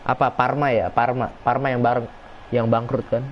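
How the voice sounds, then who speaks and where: A man's voice: mid-range voice, flat delivery, moderate pace. Man chatting over a football game. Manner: chatty, reacts to plays and reads chat aloud. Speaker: gaming streamer. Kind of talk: casual live game commentary. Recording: dull lo-fi stream audio, faint noise.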